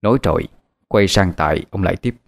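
A man's voice: deep voice, fairly quick, gravelly. A man narrating a horror story in a dramatic, suspenseful way.

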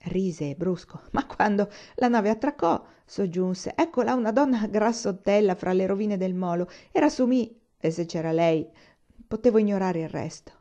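Calm woman reading a novel aloud. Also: medium pitch, normal speed, dull audio. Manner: calm, even storytelling with quoted dialogue. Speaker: reader.

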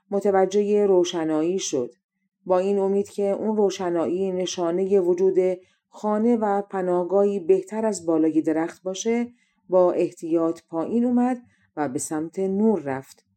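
A young adult woman reads a fairy tale aloud in a calm, measured storytelling manner. Her voice sits low, and its tone is soft and mellow. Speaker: audiobook narrator. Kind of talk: storybook narration.

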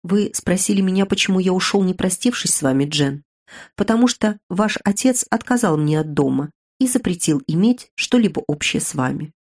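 A woman voicing a ruined young man in an audiobook, speaking in a measured, grave and resigned way. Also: fairly low pitch, animated, darkish tone. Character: young man, earnest, bitter, ruined suitor.

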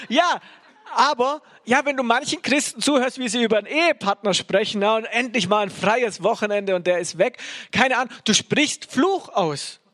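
A male preacher giving a casual, conversational sermon, often checking in with "ja?" and pausing on hesitations. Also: very high voice, sharp tone. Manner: conversational, frequent "ja?" tag questions and hesitations.

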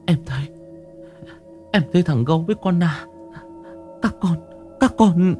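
A man's voice: high voice, takes it slowly, mellow, soft background music, voice pushed up. A man voicing a terrified young village wife who stammers in breathless panic. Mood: frightened.

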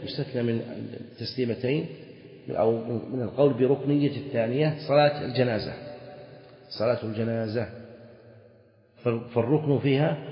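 A man teaching Islamic jurisprudence in a classroom lecture, explaining a text, repeating key phrases and putting questions to his students. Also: medium pitch. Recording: echoey hall, dull lo-fi sound.

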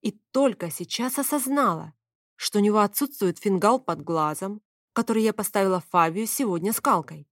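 A woman narrating an audiobook in the first person, telling the story in a lively, expressive way. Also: medium pitch, normal speed, dry recording, studio quality.

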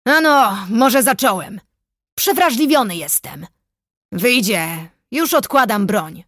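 A towering, hot-tempered forester played by a woman narrator bellows in rough, rustic speech, his voice pushed up and loud. The audiobook recording is dry and close, with no room sound. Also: fairly high pitch, expressive, slow, dry recording, heavily acted. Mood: bellowing. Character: huge bearded gruff male forester, hot-tempered.

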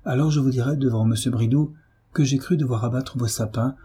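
A man's voice: medium pitch, fairly quick, mellow, breathy edge. A man voicing a composed young wife who answers politely and firmly in an audiobook reading. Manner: restrained, polite, firm.

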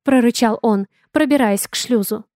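Higher-voiced woman reading an audiobook. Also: normal speed, a little mellow, no echo, studio quality. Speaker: audiobook narrator. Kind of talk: first-person audiobook narration.

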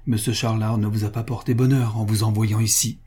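A proud factory owner on the edge of ruin speaks with solemn restraint, as a man reading a storybook voices him. His tone is mellow and slightly husky, the feeling kept under control. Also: on the low side, flat delivery, a little fast. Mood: grave.

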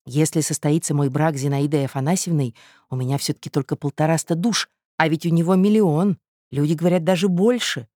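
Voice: medium pitch, steady tone, brisk, a little mellow, dry recording, studio quality, natural voice. A reader voicing a flustered, stumbling young suitor. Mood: anxious, pleading. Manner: hesitant, stumbling speech with fillers.

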